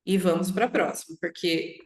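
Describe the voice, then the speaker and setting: A Brazilian woman teaching English pronunciation in an online lesson, stretching model phrases out slowly, then explaining quickly and checking in with "tá?". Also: lowish voice, roomy sound. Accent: Brazilian Portuguese. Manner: slow, drawn-out model phrases followed by quick explanations, frequent "tá?".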